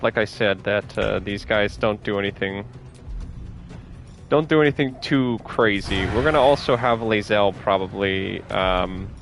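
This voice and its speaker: A man's voice: lowish voice, a bit bright. A man giving casual, upbeat commentary while playing a game, thinking aloud about each move. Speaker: gameplay streamer.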